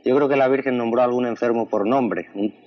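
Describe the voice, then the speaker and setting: A man's voice: medium pitch, steady tone, a little fast. A man, a doctor, interviewing a guest in an earnest, conversational way and often repeating back her answers. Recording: dull lo-fi recording.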